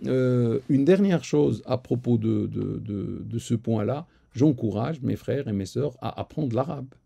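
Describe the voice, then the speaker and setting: Gravelly and dark, this man's medium-pitched voice moves unhurriedly as he answers questions in a live-streamed Q&A session. He's an imam whose first language is Arabic, and he speaks hesitantly, leaning on fillers and repeating words.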